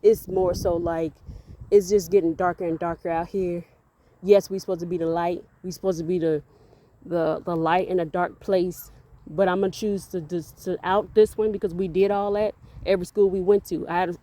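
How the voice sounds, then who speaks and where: Her voice lowish and warm, a parent vlogger walks outside and shares an earnest, rambling parenting story steeped in faith for her casual vlog. She's slightly out of breath and tends to repeat words.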